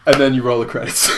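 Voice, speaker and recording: A man hosting a casual online show, pitching a movie idea in a rambling, self-correcting way. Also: background noise. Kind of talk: casual comedic chat.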